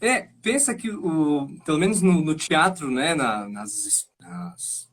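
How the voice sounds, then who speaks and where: A man who acts and teaches singing, explaining his ideas in an animated, thinking-aloud way as a guest on a live stream over a video call. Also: fairly high pitch, slow pace. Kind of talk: casual chat.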